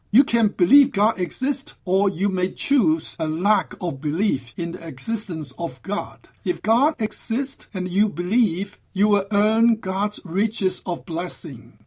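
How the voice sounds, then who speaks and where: Narrator for scripted religious persuasion. Faintly rough-edged voice, didactic, formal, deliberate phrasing. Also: medium pitch. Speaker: presenter of an apologetics argument.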